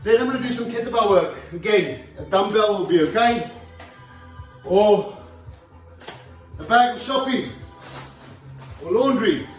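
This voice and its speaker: A man with a high voice coaches a leg workout at home, demonstrating each move as he goes and getting winded between sets. He sits a distance from the mic in an echoey room. Faint music runs underneath. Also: expressive, unhurried, long pauses. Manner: instructive, demonstrating while talking. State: out of breath at times. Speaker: fitness trainer.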